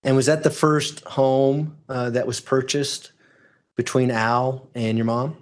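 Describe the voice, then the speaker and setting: A man's voice: mid-range voice, little pitch movement, slow pace. A man speaks as a lawyer examining a witness in a courtroom. His questioning is formal and orderly, built step by step, in an ordinary mid-range voice.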